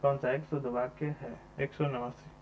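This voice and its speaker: A man's voice: medium pitch, little pitch movement, moderate pace. A man teacher going through exam questions one by one, repeating each question number and then answering it himself. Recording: dull lo-fi sound with mains hum.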